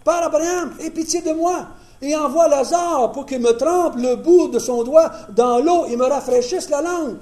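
A man's voice: very high-pitched, moderate pace, few pauses, a little mellow, voice pushed up. A preacher voicing a tormented rich man who pleads urgently from the flames. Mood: pleading.

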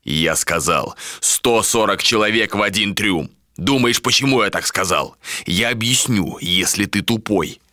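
A curt, commanding warrior captain speaks in a lowered, heavy voice, as a male narrator puts him on. Each line is short and final, as if nothing is up for debate. The recording is close and dry. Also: expressive, unhurried, sharp tone, dry recording. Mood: stern. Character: stern harsh male sea captain and warrior.

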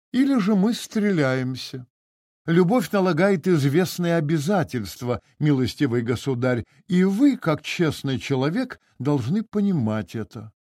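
A man's voice: a little high, a little mellow, dry recording, clean studio sound. A man reading the part of an aggrieved middle-aged notary, speaking formally and with agitation. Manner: formal, stiffly polite, agitated. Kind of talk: audiobook character reading.

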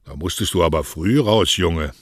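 A man voicing an older poet who speaks slowly and heavily in a radio reading. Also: sits low, breathy edge, no echo, clean studio sound. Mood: dry. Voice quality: sluggish, heavy speech. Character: slow-spoken older male poet.

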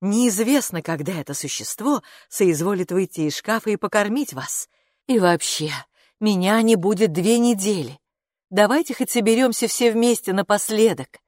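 A woman's voice: medium pitch, expressive, normal speed, darkish tone, no echo, clean studio sound, pitched above the performer's own voice, lightly acted. A woman reading aloud, voicing a tired, sad mother who sighs in a children's audiobook. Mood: weary. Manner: weary, sighing.

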